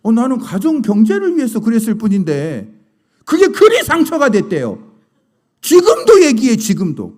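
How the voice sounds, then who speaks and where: A man's voice: very high-pitched, wildly swooping pitch, normal speed, a little mellow. A middle-aged male pastor preaching a sermon, telling stories and asking the congregation rhetorical questions.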